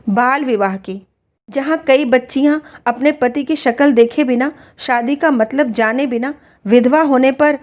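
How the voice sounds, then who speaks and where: A patient husband in a spoken story talks with quiet conviction, questioning old customs, read aloud by a woman. His delivery is slow and measured. The tone stays earnest and gentle. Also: extremely high pitch. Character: calm, reasoning husband challenging harsh customs.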